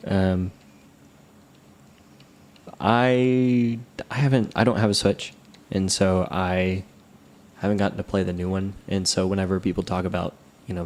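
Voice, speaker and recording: A co-host chatting casually and reminiscing, relaxed and a little hesitant. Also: sits low. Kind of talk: casual chat.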